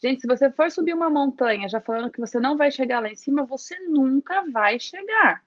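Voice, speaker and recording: A woman's voice: sits high, expressive, fairly quick, dry recording, lo-fi sound. A woman with a Brazilian Portuguese accent, an English teacher as interview guest, upbeat and encouraging. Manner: encouraging, upbeat, laughs often. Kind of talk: casual interview chat.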